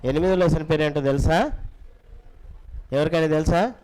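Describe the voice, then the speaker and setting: A man teaching a children's Bible class, quizzing the children and urging them to answer loudly. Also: a little high, moderate pace, poor audio. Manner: coaxing, repeats questions, urges children to answer loudly.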